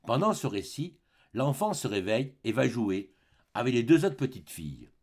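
A man reading a classic novel aloud as an audiobook, with expressive, dramatic narration. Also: medium pitch, normal speed. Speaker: audiobook reader. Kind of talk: scripted narration.

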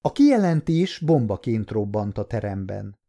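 A man narrating a short story as an audiobook reader, with a measured delivery. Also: on the low side, big pitch swings, vocal fry, dark tone.

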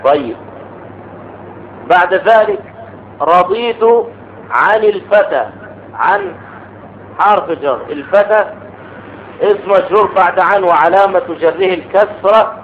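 High-voiced grammar teacher, tinny sound. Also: male voice, unhurried, pauses often. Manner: explains step by step, asks the class questions. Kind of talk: classroom grammar lesson. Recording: tinny phone-like recording with faint noise.

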